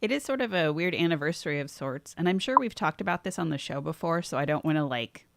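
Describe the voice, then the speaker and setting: A woman's voice: low voice, expressive, fast, creaky, slight background noise. A woman co-hosting a casual live podcast, teasing her co-host dryly and laughing often.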